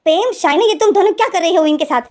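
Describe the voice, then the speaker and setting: A woman's voice: extremely high pitch, animated, fast, darkish tone, pitched above the performer's own voice. A woman voicing a stern, protective older sister who scolds and gives orders. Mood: scolding. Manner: scolding, commanding.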